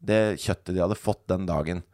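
A man's voice: sits low, dark tone. A man, co-hosting a podcast, telling stories in casual chatty banter. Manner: storytelling, chatty, uses fillers like "liksom". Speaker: podcast co-host.

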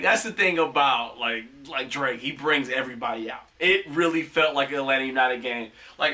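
A man with a bright, forceful voice, chatting enthusiastically. He scatters "like" through every sentence and keeps the flow loose. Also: on the high side. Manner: enthusiastic, fills speech with "like". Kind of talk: casual chat.

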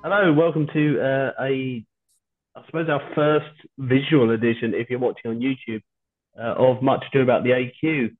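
British man podcasting over a tinny, low-quality stream. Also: fairly even intonation, normal speed, faint music behind. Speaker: podcast host. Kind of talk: casual chat. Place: at home, on a video call. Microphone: video call without his usual microphone. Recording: low-quality online stream, phone-like sound.

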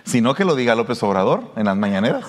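A man with a Mexican Spanish accent preaches a sermon, talking to his listeners as in a conversation. His pitch swings widely as he keeps asking them questions. His voice rings in the long reverb of a hall. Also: big pitch swings, quick pace, crowd noise. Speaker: pastor.

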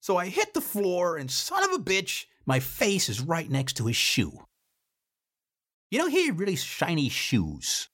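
A man telling his own story in a casual podcast, animated and freely swearing. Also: high voice, a little slow. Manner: animated, swears freely, acts out shouted drill orders. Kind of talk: casual first-person storytelling.

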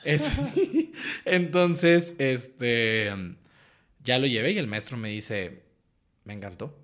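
A young man with a Mexican Spanish accent, appearing as a guest writer and actor, recounts stories in a casual interview, animated and often laughing. He speaks at medium pitch but extremely slowly.

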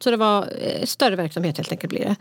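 A woman co-hosting a podcast tells a personal story in casual conversation, using many fillers and mixing in English phrases. Her medium-pitched voice is gravelly with lively intonation, and there is no echo.

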